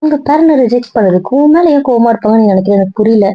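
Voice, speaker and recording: A woman voicing a hurt young woman who questions her partner with quiet reproach. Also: on the high side, expressive, fast talker, no room sound, muffled recording. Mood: teasing. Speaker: young wife or girlfriend. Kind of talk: Tamil audio drama acting.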